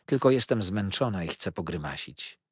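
A man's voice: sits low, expressive, moderate pace, breathy edge, dry recording, studio quality. A man voicing a young, sickly wife who speaks tenderly and coaxingly, like a spoiled child.

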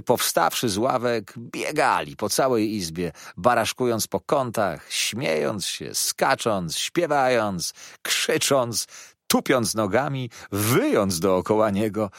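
A man reading a classic novel aloud as an audiobook narrator, with expressive storytelling. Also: fairly low pitch, dry recording, studio quality.

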